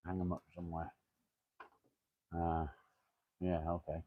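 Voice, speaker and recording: Man, low-key muttering, slow, husky, sorting junk, casual swearing. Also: monotone, phone-quality sound. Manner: mumbled running commentary, swears casually. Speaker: vlogger.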